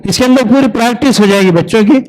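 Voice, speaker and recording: A man teaching other teachers to read Arabic script, drawing out each syllable in slow repetition drills between plain explanations. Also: very high-pitched, low-quality recording. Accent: Indian Urdu-Hindi speaker. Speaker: Arabic reading teacher training instructors. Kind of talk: classroom lesson.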